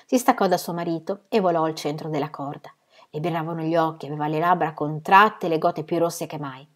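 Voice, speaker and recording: A woman reading a novel aloud in steady, measured storytelling. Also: low-pitched. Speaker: reader.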